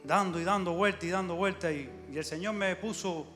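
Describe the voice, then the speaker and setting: A man's voice: high voice, brisk. A man preaching a fervent sermon in a church, calling out amen and hallelujah often. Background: soft instrumental music.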